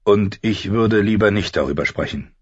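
A man voicing a grave, dutiful northern lord in an audiobook, calm and restrained. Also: on the low side, moderate pace, slightly rough, no room sound, muffled recording. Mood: cold. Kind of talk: audiobook character voice.

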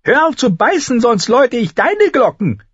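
Brash high shrill woman yelling from a window, voiced by a man, husky edge, audiobook. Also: big pitch swings, normal speed, dry recording, muffled recording, full character voice. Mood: teasing. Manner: loud, mocking, called from afar. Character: brash red-haired woman shouting from a window.

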